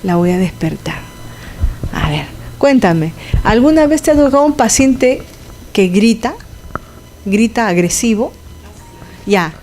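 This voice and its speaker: A woman's voice: mid-range voice, lively intonation, a little slow, pauses often, darkish tone, faint music behind. Woman lecturing a class. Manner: conversational, asks the class questions, sound effects like "pum". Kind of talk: lecture to health students.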